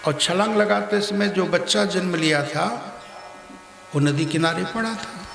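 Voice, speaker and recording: Man, high pitched, slow, gravelly, devotional storytelling, echoey reverberant hall, faint background music. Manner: measured, emphatic storytelling. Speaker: kathavachak, religious storyteller.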